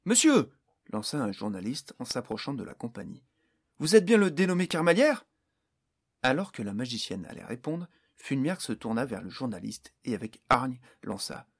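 Husky male audiobook narrator. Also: medium pitch. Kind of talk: scripted fantasy narration.

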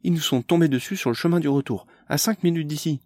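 A man's voice: on the high side, quick pace, darkish tone, no room sound, pitched above the performer's own voice, natural voice. A man voicing a frantic young woman on the run, talking urgently and close to tears.

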